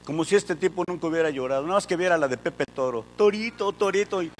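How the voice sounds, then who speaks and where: A man's voice: fairly high pitch, rapid-fire, big-room sound, a little hiss or hum. A man preaching a sermon with passion and urging the congregation to repeat phrases after him. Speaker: pastor.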